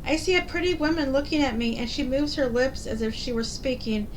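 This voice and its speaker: A woman's voice: fairly quick, lightly acted, low-quality recording. A woman reading the part of an innocent, wondering young wife in a fairy tale. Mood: astonished delight. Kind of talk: storybook character reading. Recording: loud low rumbling background noise.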